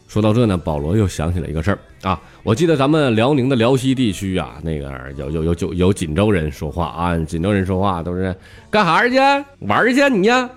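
A man's voice: low voice, animated, quick pace, hardly any pauses, a little mellow, soft background music. A man with a Northeastern Chinese accent hosting a dialect stand-up show, telling jokes in a playful, chuckling manner. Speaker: comedy host.

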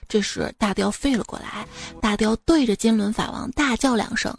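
A woman hosting a joke show, reading out short jokes at an unhurried pace and chuckling at her own punchlines. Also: fairly high pitch, gravelly, husky. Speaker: radio joke-show host.

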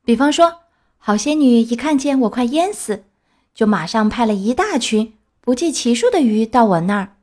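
Cheeky little wooden puppet boy, chatty and high, storybook voice, woman putting it on. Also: animated, normal speed, a little mellow.

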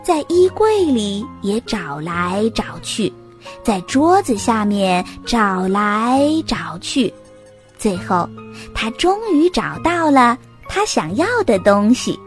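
Slow, gentle woman storyteller. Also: mid-range voice, very animated, soft background music. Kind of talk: children's story reading.

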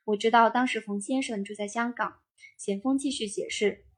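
A woman with a fairly high voice reads a first-person career memoir aloud. Her delivery is steady and even, a calm narrator's read. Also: normal speed, husky.

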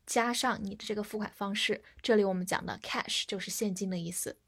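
A woman's voice: mid-range voice, steady tone, brisk, creaky, husky. A woman teaching English vocabulary in a recorded lesson, spelling words letter by letter and having listeners repeat after her.

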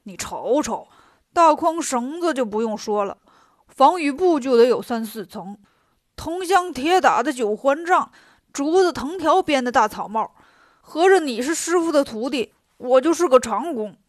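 A whiny pig-monk who moans about everything he must carry, as a woman storyteller puts him on. The voice sits a touch high, in a dry, close sound. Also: animated, a little slow, no echo. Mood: complaining. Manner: complaining, whiny. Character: greedy grumbling pig-monk, male, lazy.

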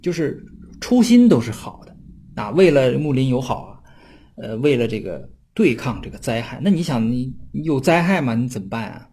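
A man giving a casual explanatory lecture on classical texts. He talks in a chatty way, often checks in with his listeners, and slows down to read old passages aloud. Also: medium pitch, animated, a little mellow, breathy edge. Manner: chatty, often adds tag questions for listeners.

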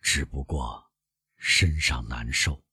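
A broken prosecutor confessing in court, as a male narrator puts him on, his low voice choked and halting. The tone is husky and deep. It sounds dry and close, as in an audiobook. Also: expressive, no room sound, heavily acted. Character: broken, trembling middle-aged male prosecutor.

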